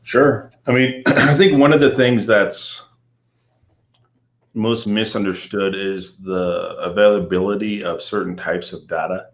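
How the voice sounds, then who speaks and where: A low-pitched man speaks as a guest in a casual business interview. He explains at length in a relaxed way, filling pauses with "um" and "you know". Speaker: guest, company CEO.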